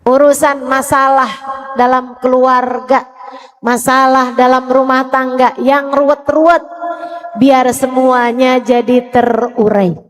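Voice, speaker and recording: Woman preacher, lecture to a women's gathering, high and slow, echoing hall. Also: level tone. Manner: models prayers aloud, asks the audience questions. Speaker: Islamic preacher.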